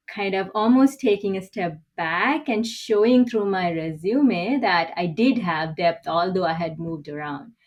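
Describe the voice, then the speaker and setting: Here a woman's voice sits on the low side and sounds slightly mellow. She is a middle-aged executive coach from Sri Lanka, a guest in an interview, giving frank, thoughtful answers that frequently end with "right?".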